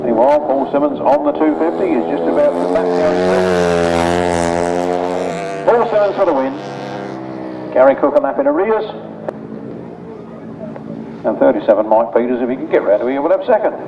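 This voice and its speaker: A man's voice: mid-range voice, sing-song, a little fast, pauses often, echoey room. A man giving live motorsport commentary and results, with colloquial, wry asides, over a trackside announcing system. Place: outdoor grasstrack circuit, commentary over speakers. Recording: muffled, noisy trackside PA from far off. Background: loud engine and vehicle noise.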